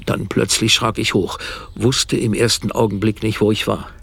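A middle-aged man telling a haunted first-person story to his wife in a radio drama, hushed and often dropping toward a whisper. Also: fairly low pitch, level tone, normal speed, creaky, slightly rough.

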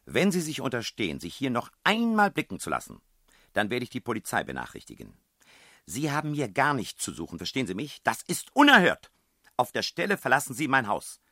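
A man's voice: medium pitch, wildly swooping pitch, fairly quick, pushed and bright, no echo, studio quality, pitched above the performer's own voice, heavily acted. A man reading an audiobook voices a furious middle-aged housemistress who scolds and screams at her visitors.

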